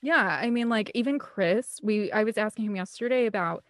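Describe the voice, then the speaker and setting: Talking a little fast in a medium-pitched, slightly bright voice, this thirty-something woman from the American Midwest is a guest on an interview, where she's a film composer and director. She's casual, excited and all over the place, and the sound has no echo.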